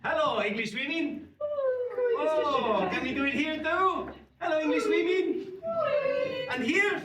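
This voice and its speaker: An actor with a Spanish accent playing a flirtatious, cheeky gentleman in a live theatre, teasing the audience in broken English. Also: extremely high pitch, very animated, slow, heavily acted. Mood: playful. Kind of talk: stage performance with audience interaction. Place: theatre auditorium. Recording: roomy theatre recording from far off, with hall noise.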